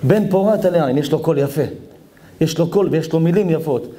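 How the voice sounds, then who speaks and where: A man, a rabbi, giving a sermon, swinging between high shouts and low murmurs. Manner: acts out quoted prayers with expressive intonation. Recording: echoey hall.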